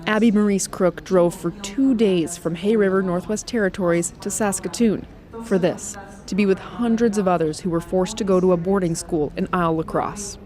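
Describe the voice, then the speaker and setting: A woman's voice: medium pitch, fairly even intonation, normal speed, crowd noise. Woman reporting from the field. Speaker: news reporter. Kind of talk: scripted news report.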